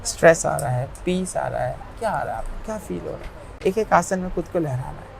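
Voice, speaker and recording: A man's voice: fairly high pitch, animated, a little fast, creaky, a little hiss or hum. A man, a yoga practitioner, talking emphatically in a casual interview, often repeating himself and asking rhetorical questions.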